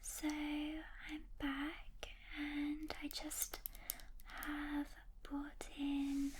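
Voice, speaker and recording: Woman, whispered role-play as personal shopper. Breathy, soft, unhurried delivery, audible background noise and clicks. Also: high-pitched. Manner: soft, slow, gentle personal shopper presenting products.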